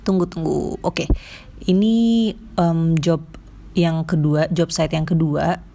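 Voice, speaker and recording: A woman's voice: low-pitched, steady tone, slow pace, creaky, mellow. Casual Indonesian woman, chatty and informal. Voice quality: slight trouble pronouncing some sounds. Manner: informal, chatty, self-correcting. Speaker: vlogger giving job advice. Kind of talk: casual explainer to camera.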